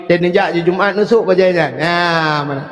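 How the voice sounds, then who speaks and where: High-voiced Acehnese preacher in echoing hall. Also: male voice, normal speed. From Aceh, Indonesia. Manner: lively storytelling with sudden shouts. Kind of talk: humorous sermon. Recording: long hall reverb.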